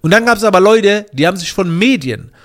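Coach type, fairly high male voice, lively advice talk straight to the audience. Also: brisk. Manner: animated, acts out quoted people.

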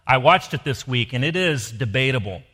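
A man preaching a sermon, asking rhetorical questions and dropping to soft emphasis. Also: medium pitch, animated, moderate pace, husky. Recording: long hall reverb.

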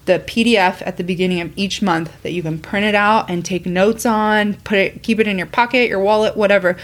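A woman co-hosting a faith podcast, talking in an earnest, rambling way with restarts. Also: mid-range voice. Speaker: podcast co-host. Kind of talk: casual faith chat.

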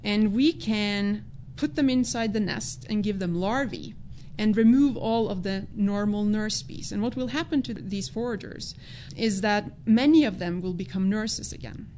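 A woman who grew up in Norway, a biologist answering interview questions in a measured, explanatory way. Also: medium pitch, warm tone, slight background noise. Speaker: biologist guest.

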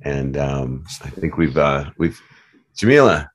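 A man leading a spontaneous, halting prayer with many pauses and fillers before handing over to a speaker. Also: extremely low pitch, expressive. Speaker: prayer leader and host.

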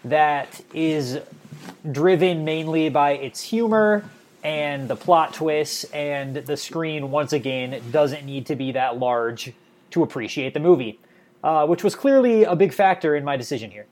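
A man's voice: fairly high pitch, a little slow, a little hiss or hum. A man co-hosting a casual podcast, laughing a lot while he explains his picks. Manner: laughs often, relaxed and rambling. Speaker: podcast co-host. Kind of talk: casual chat.

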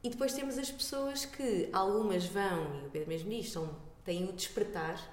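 A woman's voice: medium pitch, moderate pace. A woman with a European Portuguese accent talking casually as a guest in an interview. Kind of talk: casual conversation. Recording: echoey, reverberant room with noise.

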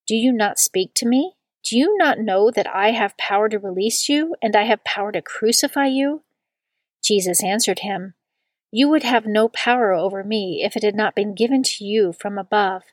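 A woman reading a long scripture passage aloud in a measured liturgical style, slowing down on the quoted words. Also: medium pitch, no echo. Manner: slow and deliberate on quoted words. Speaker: scripture reader.

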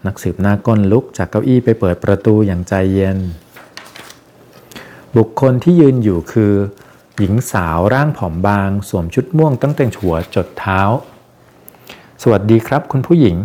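A man reading a picture book aloud in a lowish voice. His narration is steady and clear, and it moves the story along evenly. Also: moderate pace.

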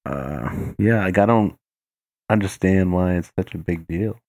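Man, low voice, podcast co-host, laid-back slangy chat, says "dude" a lot. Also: a little slow, a little mellow.

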